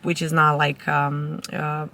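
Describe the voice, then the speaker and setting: This young woman, a native Serbian speaker with an accent to match, rambles casually to camera as a vlogger, often correcting herself. Her voice sits low and sounds creaky and sharp, delivered slowly in a monotone.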